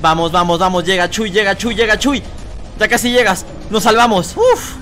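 A young man commentating a horror game as a let's player, talking to viewers and shouting at scares. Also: high voice, normal speed, soft background music. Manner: excitable, shouts and screams at scares, chatty asides to viewers. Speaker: gaming YouTuber.

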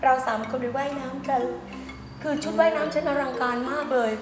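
An actress voices a brash, bossy auntie who swaps crude insults in a slapstick film comedy. Her voice sits high. The recording rings with a roomy echo and a long reverb tail. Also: steady tone, a little fast, over music, lightly acted. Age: middle-aged. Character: brash loud-mouthed woman nicknamed Ma Ju.

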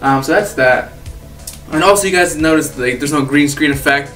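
Casting note: young male vlogger from Peru, slightly high voice, gushing and chatty, recorded in an echoey room with faint music behind. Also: normal speed, a bit bright, far from the mic. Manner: rambling, filler-heavy and enthusiastic. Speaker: YouTuber. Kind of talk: casual vlog chat. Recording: roomy echo, off-mic, faint music.

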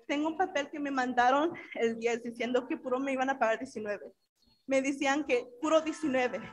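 High-voiced young woman sharing testimony. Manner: mixes Spanish and English freely, animated storytelling. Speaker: church member giving testimony. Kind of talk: spoken testimony at a church service.

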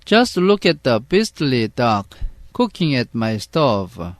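A man reading the part of a fretful mother in a storybook, slowly and carefully, then translating each line into Korean. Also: mid-range voice, sing-song, dry recording, clean studio sound. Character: fretful mother duck-hunter turned bird.

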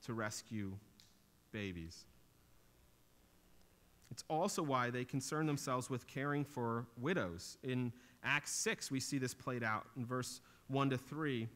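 This is a pastor in his thirties preaching in a small church, standing on a stage with a drum kit. His mid-range voice has a fairly bright tone, and he walks through scripture with earnest teaching that lifts for emphasis.

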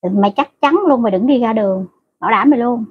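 A woman's voice: on the high side, quick pace, slightly rough, narrow, tinny audio. A middle-aged woman hosting a casual livestream. She reads out viewer comments and scolds rude commenters bluntly and crudely. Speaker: livestream host.

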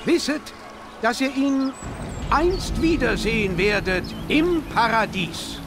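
A man voicing a solemn figure leading a funeral in dubbed video game dialogue, measured and preacher-like. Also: very high voice, sing-song, background noise, heavily acted. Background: game music.

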